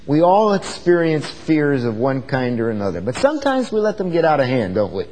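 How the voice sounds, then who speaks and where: A man's voice: on the high side, big pitch swings, fairly quick, a little mellow, long reverb tail, rough recording. A man preaching an earnest, conversational sermon, full of rhetorical questions. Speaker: pastor.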